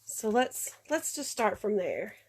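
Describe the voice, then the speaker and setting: Slow, chatty congested woman. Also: medium pitch, very animated, a little mellow, breathy edge. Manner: chatty, unhurried, talks through each step. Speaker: card-making demonstrator. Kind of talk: casual craft tutorial.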